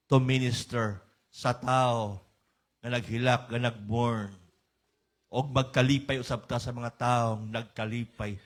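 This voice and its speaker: A middle-aged man with a Cebuano accent preaching a sermon, mixing English and Cebuano and rising to high, emphatic peaks. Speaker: pastor.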